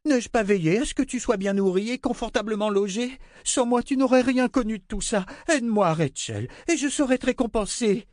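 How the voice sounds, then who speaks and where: A man voicing a shrill, haughty cruel queen. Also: a little fast, few pauses, darkish tone, no echo, clean studio sound. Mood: pleading, furious. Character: vain cruel middle-aged queen, hysterical and haughty. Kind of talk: audiobook character reading.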